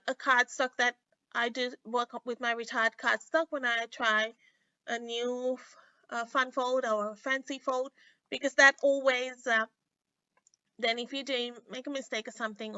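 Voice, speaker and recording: A woman hosting a casual live craft tutorial, sounding nasal and a little sick, chatting in a halting way with many pauses. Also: a little high, sharp tone, no room sound. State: under the weather with a stuffy, sick-sounding voice. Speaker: host of a weekly craft livestream. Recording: dull, lo-fi livestream audio.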